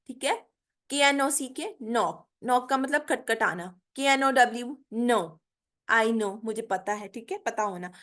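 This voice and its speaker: Lady teacher, bit high voice, explains slow and keeps checking in, online class. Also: fairly bright tone. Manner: explains slowly, mixing Hindi with careful English, keeps saying "theek hai". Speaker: English teacher. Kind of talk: online spoken English lecture.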